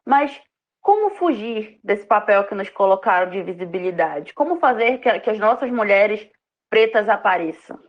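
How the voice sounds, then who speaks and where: A woman moderates a live panel discussion in a calm, measured voice. Her pitch sits in the middle range, and the audio sounds slightly dull and lo-fi.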